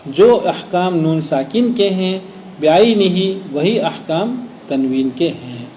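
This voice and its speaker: A man teaching a Quran recitation class. He explains slowly, draws out the example words and checks that students follow. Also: sits high, expressive, darkish tone. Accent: Gujarat Urdu. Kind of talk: classroom lesson. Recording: dull lo-fi classroom recording with faint noise.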